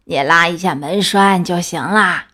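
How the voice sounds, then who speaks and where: A woman voicing a frail, sick old grandmother who talks slowly and weakly. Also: fairly low pitch, pushed and bright. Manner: slow, weak.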